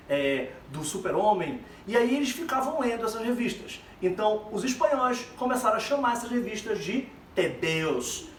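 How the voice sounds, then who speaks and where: High, animated male teacher in an echoey room. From Brazil. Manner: animated, explanatory, addresses students directly. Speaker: Spanish teacher. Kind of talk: classroom lesson mixing Spanish and Portuguese. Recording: echoey room, far from mic, faint background noise.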